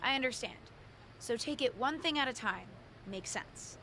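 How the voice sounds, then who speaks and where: An actress playing an earnest young woman rookie wrestler, calm and plain-spoken, in video game dialogue. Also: fairly high pitch, a little fast, gravelly, slight background noise.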